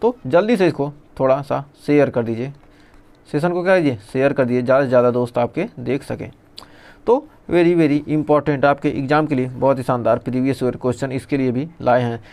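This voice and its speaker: Smooth-voiced man drilling exam lists. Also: medium pitch, darkish tone. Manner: drills lists aloud, asks and answers his own questions. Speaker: teacher. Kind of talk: exam revision lesson.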